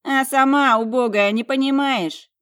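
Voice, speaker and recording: A woman's voice: mid-range voice, animated, normal speed, natural voice. A woman voicing a spiteful, sneering young noblewoman in an audiobook, taunting her sister.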